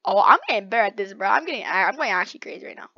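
A woman's voice: mid-range voice, lively intonation, rapid-fire, creaky, sharp tone, dry recording. A young woman giving live gameplay commentary, talking to herself dramatically with slang and lots of repeated words. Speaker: gaming creator. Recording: dull lo-fi dry mic.

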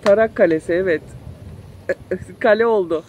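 In this casual family vlog, a mother in her thirties uses a handheld phone to film her kids in an outdoor backyard play area, coaxing them playfully and laughing often. She speaks at medium pitch and a moderate pace. A crowd can be heard behind her, and the recording quality is low.

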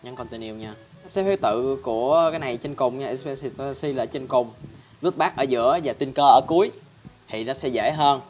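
A man's voice: mid-range voice, a little fast, darkish tone, faint music behind. A man hosting a casual game tutorial in a chatty style, constantly addressing viewers. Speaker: Minecraft channel host.

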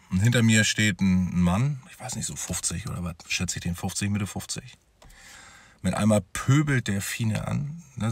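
A man's voice: lowish voice, slightly rough, no room sound. A man telling his own story as a father in a personal vlog, talking straight to his viewers in a conversational way.

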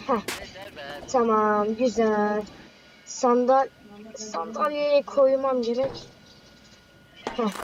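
High-voiced woman chatting through gameplay. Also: noisy background. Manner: chatty, exclaiming, talks to viewers and teammate. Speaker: gamer playing with a friend. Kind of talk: casual gameplay commentary.

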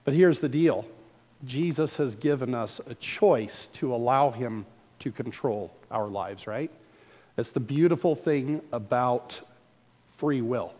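Folksy pastor preaching in a hall. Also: male voice, mid-range voice, slow, mellow. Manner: folksy, conversational. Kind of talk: sermon. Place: church sanctuary. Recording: reverberant church hall.

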